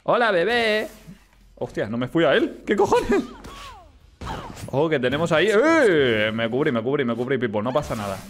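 A young man with a Canary Islands accent, commenting casually on his gameplay and swearing excitedly at the game. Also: mid-range voice, fast talker, few pauses. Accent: Canary Islands Spanish.

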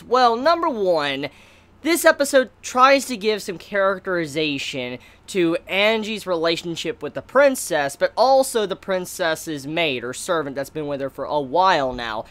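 Sitting in a small bookshelf-lined room, a twenty-something American man reviews anime on camera in a loose, meandering way, leaning hard on certain words. His voice sits high and sounds fairly bright.

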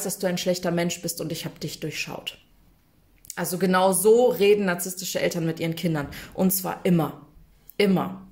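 A woman speaking straight to her viewers as a coach, informal and emphatic. She talks in a loose, conversational flow and keeps checking in with a quick questioning tag. Her pitch sits in a middle range for a woman. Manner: chatty and emphatic, often adds a questioning "ne?"; addresses viewers directly and informally. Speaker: coach for people affected by narcissistic abuse. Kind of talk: casual direct-to-camera advice talk.

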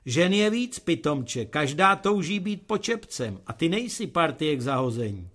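A man doing a booming, gruff old father. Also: big pitch swings, fairly bright tone. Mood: scolding. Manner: booming and insulting. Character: gruff, blunt old father who scolds his son.

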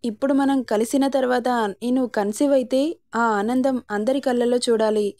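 A gentle young newlywed in a spoken story, coaxing and easily hurt, voiced by a woman narrator. The tone is fairly high and warm. It stays close to the reader's own voice. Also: fairly even intonation, normal speed, natural voice. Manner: soft and coaxing, sometimes tearful.

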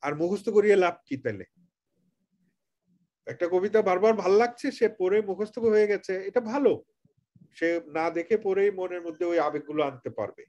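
A man's voice: high-pitched, normal speed, dark tone, highs cut off. A man leading an online teacher training session, explaining earnestly on a video call and asking rhetorical questions.

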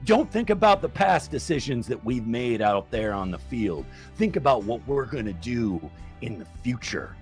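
A man playing a bombastic sports coach who shouts an emphatic motivational speech to his team. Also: mid-range voice, very animated, normal speed, faint music behind, pitched below the performer's own voice. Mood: intense. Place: indoors at home, on a group video call. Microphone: headset.

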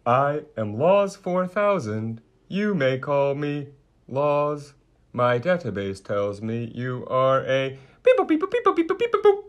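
A slow, stiff cartoon robot voice. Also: medium pitch, very animated, muffled recording. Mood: formal. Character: lonely stowaway robot, polite and gentle. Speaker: robot character. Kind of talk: cartoon voice acting.

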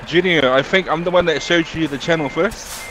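A man's voice: fairly high pitch, fairly quick, background noise. A man of thirty chatting casually in game voice chat, patiently explaining things step by step. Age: 30s. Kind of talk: casual voice chat while gaming.

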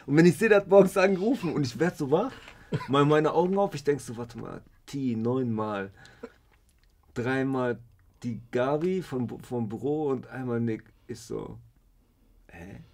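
A man's voice: medium pitch, normal speed, vocal fry, a little mellow. A man hosting a podcast in a studio, chatting casually, laughing a lot and dropping slangy interjections. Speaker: podcast host.

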